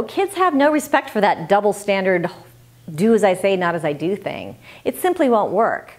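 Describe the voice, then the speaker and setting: A woman hosting a health tips video, speaking to camera in an emphatic, scripted style full of rhetorical questions. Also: medium pitch.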